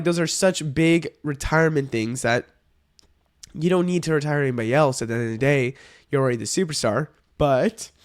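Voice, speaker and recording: A young man with a sick-sounding voice, hosting a casual opinion vlog, rambling and correcting himself as he goes. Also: mid-range voice. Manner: rambling, hedging, self-correcting. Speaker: wrestling video host.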